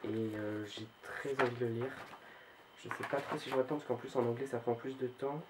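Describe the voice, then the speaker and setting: A man in a casual video chat about his book collection, pausing often and restarting his sentences. His voice stays level and monotone throughout, with a faint hiss of noise behind him. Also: mid-range voice. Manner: hesitant, full of "euh" fillers and restarts. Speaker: book vlogger.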